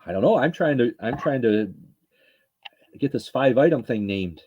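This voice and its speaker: Husky woman host, lively and teasing. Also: rumbling low, normal speed, lo-fi sound. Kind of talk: casual livestream chat.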